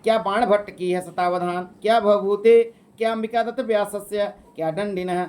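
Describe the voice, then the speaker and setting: A man teaching Sanskrit exam questions, reading options aloud, slowly chanting verses and explaining each answer in casual, repetitive speech. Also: high-pitched, fairly even intonation, a little mellow. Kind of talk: exam question walkthrough lesson.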